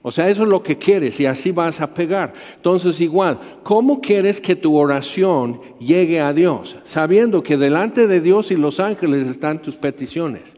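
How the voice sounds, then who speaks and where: A man preaching a sermon in a rambling, conversational way, slowing down for emphasis. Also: fairly high pitch, expressive, warm tone. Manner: conversational, rambling, with frequent filler words. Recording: dull lo-fi recording in a reverberant hall.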